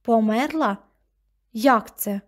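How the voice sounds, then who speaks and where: A hot-tempered teenage girl in a storybook, as a woman narrator puts her on, her voice pitched up high and pushed loud. She pleads at first, then turns sharp and demanding. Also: slow pace. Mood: shaken. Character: upset teenage girl, quick-tempered and defiant.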